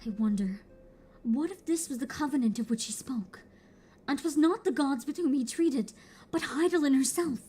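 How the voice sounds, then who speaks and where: A woman's voice: sits high, normal speed, mellow, soft background music, lightly acted. A woman voicing an earnest, formal young male scholar who speaks in archaic phrasing.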